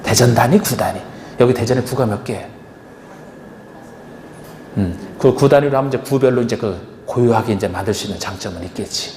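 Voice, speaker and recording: A man's voice: medium pitch, a little fast, long pauses, darkish tone. A man teaching a class, lecturing in a coaxing way and asking his students question after question. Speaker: real estate agent exam instructor. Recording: echoey lecture hall with faint noise.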